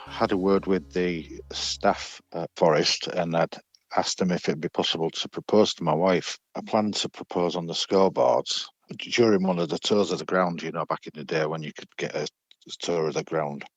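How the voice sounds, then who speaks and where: A man's voice: sits low, steady tone, moderate pace, no room sound. A middle-aged man telling a personal story as a podcast guest, chatty and hesitant, with many fillers and restarts. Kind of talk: storytelling in a casual interview.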